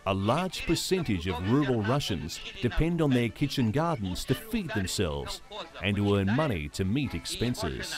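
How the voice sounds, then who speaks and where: A man narrating a scripted news feature in a wry, lively storytelling manner. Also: on the low side, moderate pace. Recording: voice-over over music and crowd sound. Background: music and crowd noise.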